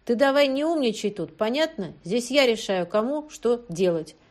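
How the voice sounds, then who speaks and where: A woman's voice: fairly high pitch, normal speed, a little mellow, close to an everyday voice. A woman voicing a menacing male kidnapper who barks threats and orders. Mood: threatening. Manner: threatening, barking.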